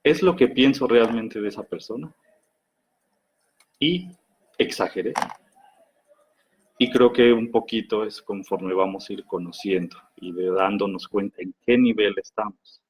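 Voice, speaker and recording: A man with a Mexican accent giving advice on handling anger in a lively explanatory talk, often acting out imagined quarrels. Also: on the low side, measured pace, pauses often, husky. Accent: Mexican Spanish. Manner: lively, acts out imagined quarrels in other voices.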